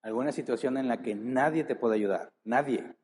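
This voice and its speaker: In a mid-range voice with a darkish tone, a male preacher delivers a sermon: scripture read aloud, then a string of rhetorical questions aimed at his listeners. His emphasis is earnest and drawn out, landing on key words.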